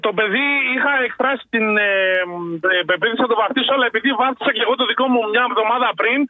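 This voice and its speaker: High-voiced taxi driver on a phone line. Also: male voice, no room sound. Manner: excitable, acts out quoted voices. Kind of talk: animated phone-in storytelling. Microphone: telephone.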